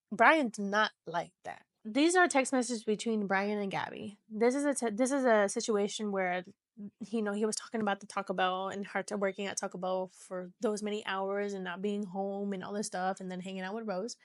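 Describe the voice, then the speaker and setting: A woman's voice: mid-range voice, no echo. Chatty woman podcast host, dry sound. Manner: chatty, loose retelling with many "so" and "you know". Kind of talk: casual true-crime storytelling.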